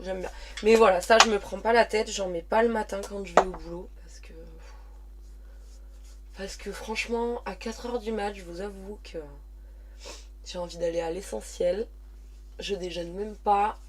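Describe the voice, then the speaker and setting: A woman in her early thirties talks through her makeup routine in a loose, rambling way, with frequent sighs and restarts. Her voice has a slight croak left over from a recent illness. She is recording at home in a small dressing room, speaking straight to a camera in front of her. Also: mid-range voice, fairly even intonation, normal speed, long pauses. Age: 30s. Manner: rambling, chatty, with sighs and self-corrections. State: recovering from covid, slightly croaky. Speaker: beauty vlogger. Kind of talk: casual makeup tutorial chat.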